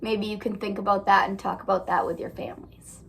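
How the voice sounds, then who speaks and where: An elementary school teacher reads aloud and gives young children a lesson, instructing them and often asking them questions. Her medium-pitched voice is flat, creaky, and fairly bright, moving a little fast.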